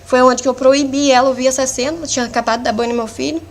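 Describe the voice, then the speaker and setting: Brief: Brazilian woman, defendant on the stand, raised pitch, rough gravelly edge, halting fragmented retelling. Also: fairly even intonation, slight background noise. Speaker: defendant under questioning. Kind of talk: courtroom testimony. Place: courtroom hearing.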